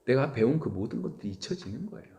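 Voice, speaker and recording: A middle-aged man preaching a sermon as pastor, swinging from loud exclaiming to hushed whispers. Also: medium pitch, very animated, fast talker, creaky. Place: church sanctuary.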